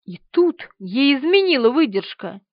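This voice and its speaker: A woman reads a novel aloud with an expressive, animated delivery. Her voice sits high and swings widely. The recording is dry and slightly muffled. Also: a little slow, dry recording. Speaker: audiobook narrator. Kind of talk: expressive audiobook narration.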